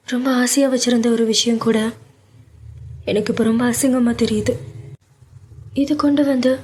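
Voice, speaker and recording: A woman's voice: fairly high pitch, darkish tone, slightly rough. A woman voicing a tearful young woman who feels unworthy, speaking in a choked, trembling voice in a storybook romance. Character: tearful young woman, humble and self-doubting.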